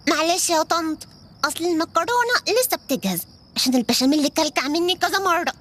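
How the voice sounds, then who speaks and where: A woman's voice: very high-pitched, expressive, fast talker, a bit bright. A woman voicing Farawla, a little girl in a children's audio drama who apologizes in a fluster.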